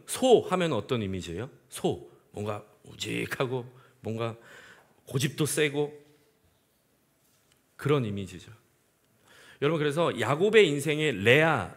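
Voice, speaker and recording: A man delivering a sermon in a fairly high voice that rises and falls with a lot of movement. He keeps asking the congregation questions and builds to emphatic, forceful stretches. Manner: preaching with rhetorical questions to the congregation; rising to emphatic outbursts. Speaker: pastor.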